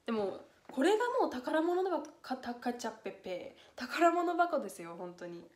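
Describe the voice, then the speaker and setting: A woman's voice: high-pitched, sing-song, normal speed. Chatty young woman with a lilt. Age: young adult. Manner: chatty, reads letters aloud, emotional and near tears. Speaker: livestream idol host. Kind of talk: casual solo livestream chat. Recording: echoey room with faint noise.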